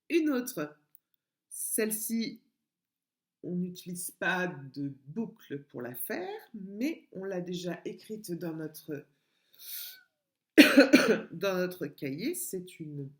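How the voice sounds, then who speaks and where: Slow, lilting teacher voice for small kids; a woman, home lesson, echoey room. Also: fairly low pitch. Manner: slow, sing-song, stretching out sounds for small children. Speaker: kindergarten teacher. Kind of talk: home-schooling lesson video for young children.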